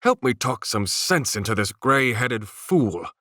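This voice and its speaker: A man voicing a brash, hot-tempered male soldier lieutenant who talks loud and aggressive. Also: mid-range voice, sing-song, measured pace, no echo, clean studio sound, voice pushed up, heavily acted. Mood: scornful.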